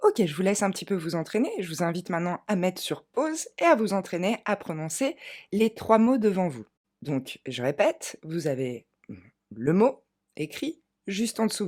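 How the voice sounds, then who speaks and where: A woman teaching an English pronunciation lesson, drilling words slowly for learners to repeat. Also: lowish voice, darkish tone.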